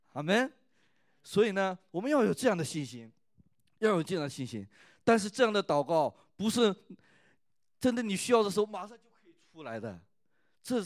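Preaching at a youth church service, a man keeps asking his listeners "right?" as he retells scripture conversationally. His voice is fairly high, and the sermon is recorded dry with studio quality.

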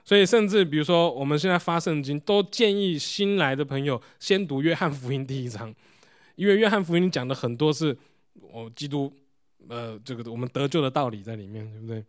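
A man's voice: mid-range voice, fairly quick. A male preacher giving a sermon, explaining pictures and often asking the congregation rhetorical questions. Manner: explains while showing photos.

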